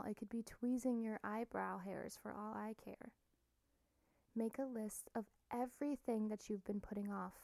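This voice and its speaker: A woman podcast host giving a blunt, encouraging self-help pep talk, soft and deliberate with plenty of swearing. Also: fairly high pitch, dry recording.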